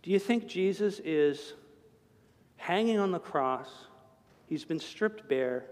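A male pastor preaching a sermon in a church, talking in a conversational, animated way with humorous asides. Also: sits high. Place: church sanctuary. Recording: long church reverb.

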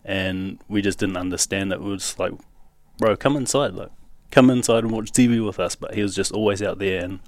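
Speaking as a podcast guest, a young Kiwi-accented man from New Zealand shares his life story openly, using casual slang and laughing nervously. The recording has no echo, and his voice is lowish.

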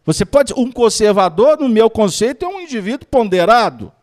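A man giving a lively Spiritist study talk, joking and acting out little scenes as he teaches. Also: sits high, moderate pace. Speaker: lecturer of a Spiritist study group.

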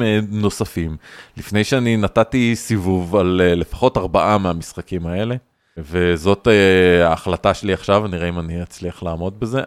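A man co-hosting a casual podcast chat, talking in a wry, deliberate way. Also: sits low, no room sound, studio quality. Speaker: podcast co-host.

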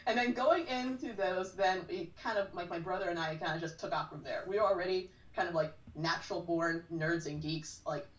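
A woman in her forties, appearing as a podcast guest, chats casually and tells stories, dropping "like" again and again. Her voice sits lowish and she talks briskly with few pauses. The recording sounds roomy, as if she is far from the mic.

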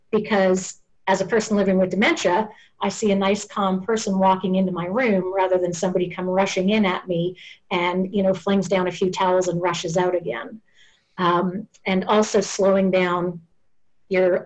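A woman talks earnestly in an interview, explaining patiently and step by step. Her voice sits at an ordinary middle pitch. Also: level tone, moderate pace, darkish tone, low-quality recording.

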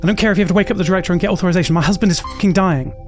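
A man's voice: a little high, fast talker, mellow, close to an everyday voice. A man voicing a desperate woman astronaut pilot, urgent and pleading in a storybook reading, with faint music behind.

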